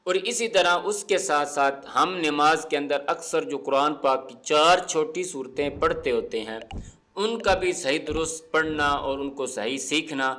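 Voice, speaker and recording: A man teaching Quran pronunciation, explaining the rules patiently and words slowly to show how to say them. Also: fairly high pitch, bright, forceful tone. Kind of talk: explanatory lesson with slow recitation.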